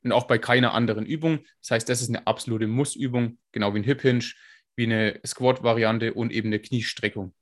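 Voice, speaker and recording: A man with a scratchy smoker's rasp, co-hosting a podcast and explaining technical points in an informal, casual way. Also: mid-range voice, fairly even intonation, fairly quick. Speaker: podcast co-host and fitness coach.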